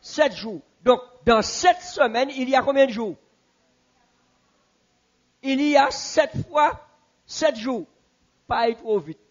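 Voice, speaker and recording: A man teaching a Bible class in a church, asking the audience questions and repeating answers slowly. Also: very high-pitched, lo-fi sound.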